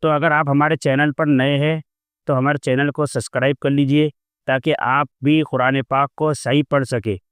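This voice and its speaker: A man teaching a Quran lesson, explaining each word plainly and then reciting it slowly with long drawn-out sounds. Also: mid-range voice, flat delivery, fairly bright tone, clear, resonant tone, no echo, clean studio sound.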